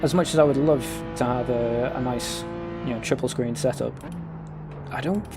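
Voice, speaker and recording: A man's voice: mid-range voice, moderate pace, music in the background. A man doing casual live commentary while playing a racing game, with understated, self-deprecating asides. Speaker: sim racing streamer. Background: racing car engines from the game.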